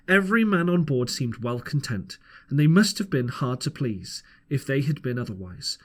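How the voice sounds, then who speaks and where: An amateur reader narrates a storybook-style audiobook from a script, earnest but now and then tripping over the text. He has a husky, medium-pitched voice.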